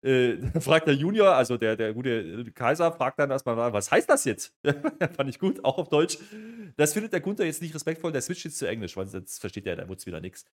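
A man with an everyday mid-pitched voice recaps a wrestling show in relaxed, casual podcast chat. He tells it like a story and slips into short acted quotes along the way. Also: a little fast, few pauses. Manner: chatty recapper, acts out quotes.

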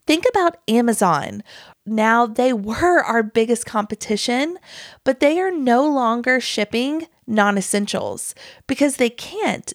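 A woman's voice: fairly high pitch, dry recording, clean studio sound. A woman hosting a solo podcast, speaking earnestly and emphatically and calling her listeners friends. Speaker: podcast host and small business owner. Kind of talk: scripted solo podcast talk.

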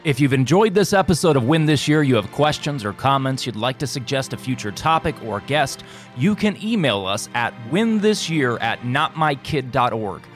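A man's voice: medium pitch, sing-song, moderate pace, faint music behind. A man hosting a podcast, closing the episode in an earnest, encouraging way and reading out the outro. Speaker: podcast host. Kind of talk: podcast host wrap-up and outro.

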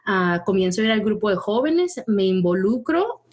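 A woman telling her personal faith testimony in casual conversation, animated and quick to laugh as she acts out what people said. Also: medium pitch, husky. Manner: animated storytelling, laughs often, acts out dialogue.

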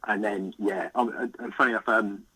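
A young man, a podcast guest recounting a catch in excited, vivid casual chat with the odd swear word. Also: on the low side, fairly quick, breathy edge, poor audio. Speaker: podcast guest, carp angler.

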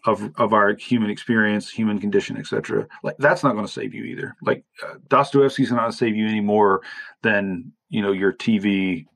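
A man's voice: on the low side, steady tone, fairly quick, creaky, a bit bright, dry recording. A man, an author and theologian, talking through ideas in a reflective interview and often checking in with "right?". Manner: thoughtful, qualifying with frequent "right?".

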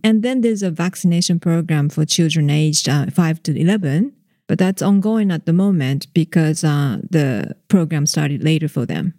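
A reporter guest on a news podcast, explaining the facts in a measured way with small hesitations. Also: mid-range voice, expressive, warm tone, no echo, clean studio sound.

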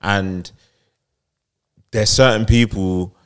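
A man co-hosting a casual chat in slangy, halting speech with emphatic repetition. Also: on the low side, steady tone, clean tone. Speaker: talk show co-host.

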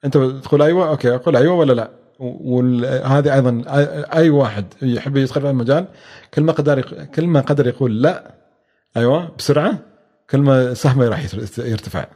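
A man's voice: medium pitch, fast, warm tone. A man answering interview questions, with many hesitations and restarts. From Oman. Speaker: guest, venture capital expert.

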